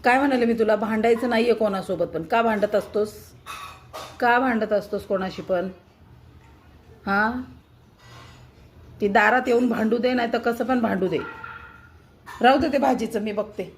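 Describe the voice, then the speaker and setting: A woman's voice: a little high, moderate pace, pauses often, a little hiss or hum. Woman scolding her cats at home. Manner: scolding, coaxing, talks to her cats like children. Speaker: vlogger. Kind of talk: casual scolding talk to pet cats. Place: home kitchen, chopping vegetables at a table.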